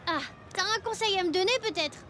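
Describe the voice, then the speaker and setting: Very high-voiced, breezy cartoon boy. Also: brisk, pushed and bright, a little hiss or hum. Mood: exasperated, teasing. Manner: breezy, exclamatory, teasing. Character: carefree, eager, excitable young boy, easily exasperated. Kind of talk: animated children's series dialogue.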